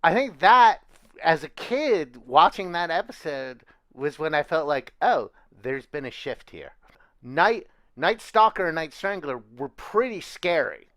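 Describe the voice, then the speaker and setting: A man's voice: on the high side, big pitch swings, unhurried, fairly bright tone, no room sound. A man co-hosting a podcast, chatting casually and telling rambling stories that trail off and restart. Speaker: podcast co-host. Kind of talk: casual chat.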